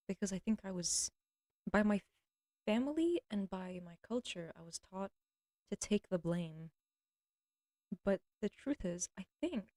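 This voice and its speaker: A young woman livestreaming from home with her cat rambles through a casual monologue, interrupting herself, wandering off track and speaking bluntly and crudely. Her mid-range voice is dark and a little throaty, and she clears her throat often. Speaking straight into her mic, she sounds close and dry, with no room echo.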